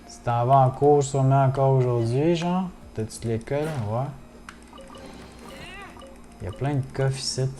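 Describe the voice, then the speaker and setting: Québécois male streamer, mellow low voice, loose casual chatter peppered with curses, addresses chat directly. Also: measured pace, long pauses, soft background music. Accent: Québécois French. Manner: swears often, chatty, greets viewers in chat. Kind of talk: casual gaming livestream chat.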